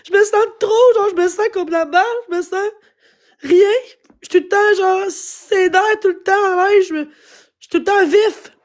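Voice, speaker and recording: A woman livestreamer with a Québécois French accent vents on her stream, her very high voice hoarse and worn out at a normal pace. She sounds agitated and pleading, and she keeps repeating herself.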